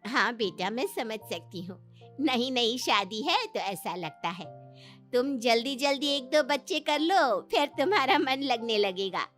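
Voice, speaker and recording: An eager, pushy older mother-in-law from a cartoon story, played by a woman. Her fairly high voice swings around as she coaxes and nags. Faint music sits behind her. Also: lively intonation, a little slow, a bit bright. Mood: coaxing. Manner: coaxing, nagging.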